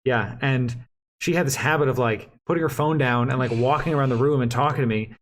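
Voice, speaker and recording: A young man, a vlog co-host, telling a story in casual chat with animated, lively delivery. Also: slight background noise. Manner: animated storyteller, jumps up in pitch for quoted voices; fast talker, says so himself.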